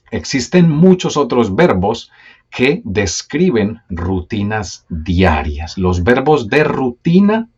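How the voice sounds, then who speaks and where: A man teaching a slow grammar lesson step by step, patient and repeating key words as he checks in with the learner. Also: lowish voice, a little mellow, husky, muffled recording. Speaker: Spanish teacher.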